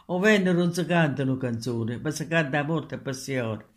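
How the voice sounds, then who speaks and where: Male, Sicilian dialect, slightly high-pitched voice, reciting devotional folk verse. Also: animated, brisk.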